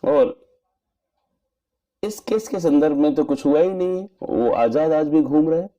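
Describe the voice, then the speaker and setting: A man giving an earnest, measured spoken movie review in formal wording. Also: fairly high pitch, warm tone. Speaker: film reviewer.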